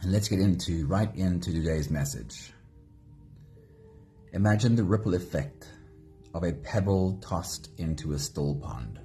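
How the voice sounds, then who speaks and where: A man hosting a live guided meditation, speaking gently and greeting viewers by name. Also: low voice, animated, a little slow, pauses often, faint music behind. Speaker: meditation host.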